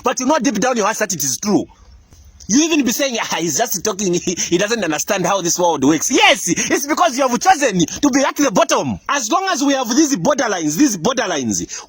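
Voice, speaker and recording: A man's voice: very high voice, slightly rough. A man with a Zimbabwean accent delivering an impassioned, preachy monologue that scolds its listeners and is broken up by bursts of laughter. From Africa. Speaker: commentator. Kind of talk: impassioned monologue addressing leaders.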